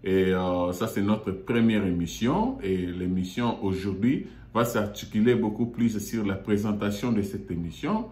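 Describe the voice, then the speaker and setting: A man from Congo hosting his own online show, talking haltingly with many fillers and repeated words from a meeting room in an office. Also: fairly low pitch, a little mellow. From Democratic Republic of the Congo. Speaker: YouTube show host. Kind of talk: hesitant monologue. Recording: echoey room.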